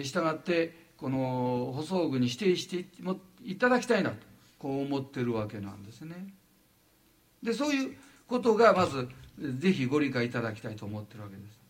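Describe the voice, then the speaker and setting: An older man from Japan giving a lecture, halting with frequent fillers and lively asides. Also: a little high. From Wajima, Noto Peninsula, Japan.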